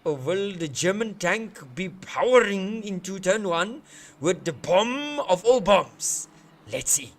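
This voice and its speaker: A man giving playful, excitable live commentary on a sim race, joking and swearing as the action unfolds. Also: high-pitched, takes it slowly. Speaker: sim racing commentator, streamer.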